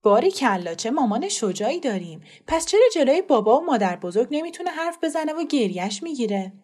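A woman's voice: high voice, big pitch swings, a little mellow, breathy edge, voice pushed up, exaggerated voice. A cheeky, teasing boy in a storybook, as a woman puts him on while reading. The voice is lifted a little above her own.

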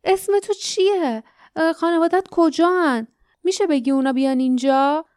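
A woman's voice: sits high, expressive, darkish tone, no echo, studio quality, pitched above the performer's own voice. A woman voicing a frightened, desperate teenage boy traveler who cries out and pleads, in a storybook reading. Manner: pleading, crying out.

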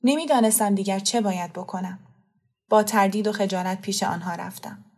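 A female audiobook narrator reads a literary novel. Her delivery is calm, steady and measured, with middle pitch and plain storytelling.

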